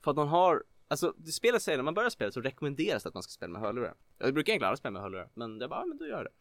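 A man co-hosting a casual chat about video games, rambling with lots of filler words and getting excited. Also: mid-range voice, dry recording. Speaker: podcast co-host.

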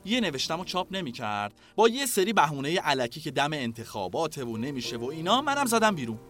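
A man voicing a young woman journalist who talks in a quick, offhand storytelling way. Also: a little high, big pitch swings, a bit bright, pitched above the performer's own voice. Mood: brushing off. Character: young woman journalist, brisk and matter-of-fact.

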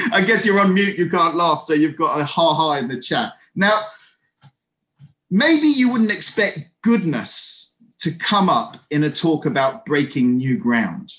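A man giving a lively, conversational sermon over an online video call, with friendly asides to his listeners. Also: a little high, a little slow. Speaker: preacher.

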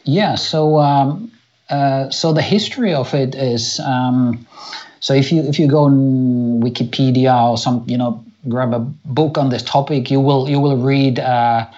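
A man, chatting as an interview guest about a game he designed. His voice is dark and mellow, and he rambles along with frequent restarts and filler words. The audio is a little dull and lo-fi. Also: mid-range voice, unhurried. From Finland. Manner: rambling, many restarts and "you know" fillers. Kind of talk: casual interview chat. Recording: slightly muffled lo-fi audio.

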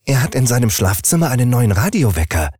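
A man's voice: mid-range voice, big pitch swings, fast talker, darkish tone, slightly rough, dry recording, studio quality, voice pushed up. A man reading an audiobook, voicing an earnest, worried smart refrigerator. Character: anxious smart fridge, worried leader.

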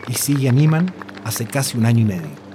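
A man's voice: medium pitch, sing-song, a little fast, heavy background noise. A man reading a scripted journalistic story as narrator. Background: music.

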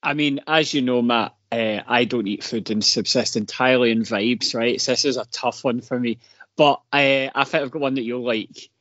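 A man's voice: medium pitch, steady tone, moderate pace, a bit bright, no room sound. A man on a football fan podcast, telling rambling, self-mocking stories in casual chat. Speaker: podcast panelist. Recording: dry, dull lo-fi podcast audio.

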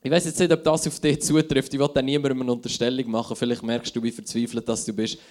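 A man's voice: mid-range voice, level tone, quick pace, a little mellow. A man in his thirties with a Swiss German accent, giving a conversational sermon and thinking aloud, with frequent restarts. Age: 30s. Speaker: pastor. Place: church hall.

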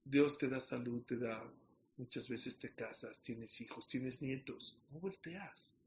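A man's voice: medium pitch, level tone, unhurried, highs cut off, a little hiss or hum. A man preaching a sermon, telling a parable and asking his listeners questions. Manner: storytelling with questions to the audience.

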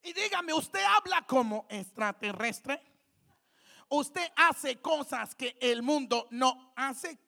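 Gravelly, high-voiced shouting woman preacher. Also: animated, takes it slowly. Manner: fervent, shouting out refrains, jokey asides. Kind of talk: sermon. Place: church.

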